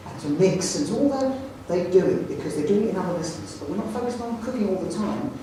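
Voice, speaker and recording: Male headteacher with a London accent, animated anecdotal speaker; distant mic in a reverberant hall. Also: high voice, fast, slight background noise. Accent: London English. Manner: jokey storyteller, animated, self-mocking. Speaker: headteacher giving a talk. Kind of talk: anecdotal presentation to an audience. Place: large hall with audience.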